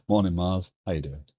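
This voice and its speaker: A low-voiced man chats casually on a coding stream, thinking out loud in fits and starts, his British accent mellowed by years of living in America. The sound is clean studio audio with no room sound.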